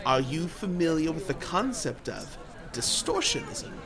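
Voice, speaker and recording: An actor playing a grandiose travelling bard in a fantasy audio drama, with florid old-fashioned speech and dramatic pauses. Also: mid-range voice, wildly swooping pitch, crowd noise. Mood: ominous, boastful. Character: flamboyant, grandiose travelling bard, theatrical storyteller.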